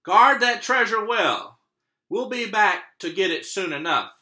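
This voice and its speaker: Blustering storybook pirate captain, male reader, high bellowed commands, bright and forceful. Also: animated, roomy sound, exaggerated voice. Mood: hearty. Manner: bellowing, commanding, drawn-out shouts.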